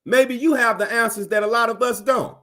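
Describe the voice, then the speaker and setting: A man giving animated, emphatic commentary and answering viewers, driving his points home with repeated phrases. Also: very high voice, a little fast. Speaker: commentator on a livestream.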